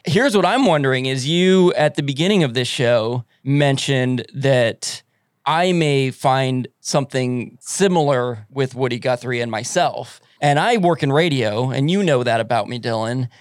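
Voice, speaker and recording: A man's voice: mid-range voice, measured pace, no echo, clean studio sound. A man hosting a podcast in casual chat, talkative and self-deprecating, laughing often as he goes. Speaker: radio board operator and podcast host.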